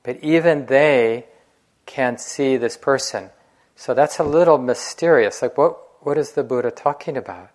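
A man gives a dharma talk as a meditation teacher. He tells stories in a relaxed, conversational way, with light laughs now and then. His voice sits at an ordinary middle pitch for a man. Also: unhurried.

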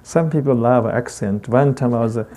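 This man, a native Tibetan speaker with a heavy accent, gives a Buddhist dharma talk as a teacher. His voice is mid-range and dark, and his phrases come haltingly and deliberately, with long pauses between them.

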